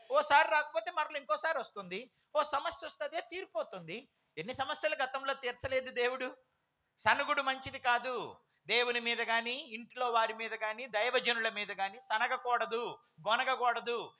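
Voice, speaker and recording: A man preaching with a very high, piercing, bright voice. He hammers his points with repeated phrases and rhetorical questions, pressing the congregation as a pastor. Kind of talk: sermon.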